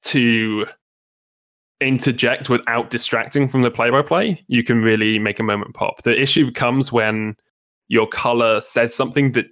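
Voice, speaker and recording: A man's voice: medium pitch, fairly even intonation, moderate pace, fairly bright tone. A man, a guest esports caster, talking casually at length in a podcast interview, often restarting his sentences. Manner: chatty, explains at length with many restarts.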